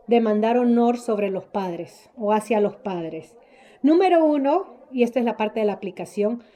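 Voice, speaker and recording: A woman with a fairly high voice teaching a Bible study. Her tone is warm and mellow. She speaks with emphasis, repeats her key points and stops to check that her listeners are following.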